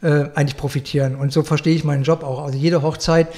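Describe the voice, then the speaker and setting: A middle-aged man chats as a podcast guest. His voice sits a little high for a man. He rambles, restarts sentences and corrects his own numbers in an easygoing, conversational way. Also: flat delivery, fast talker, darkish tone. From Berlin, Germany. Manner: rambling, self-correcting, chuckling asides. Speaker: guest florist. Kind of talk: casual interview chat.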